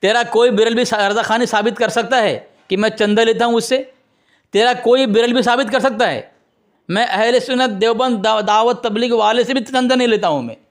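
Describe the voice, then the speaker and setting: A man in a heated religious debate, combative and accusing, who keeps turning to address his listeners. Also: very high voice.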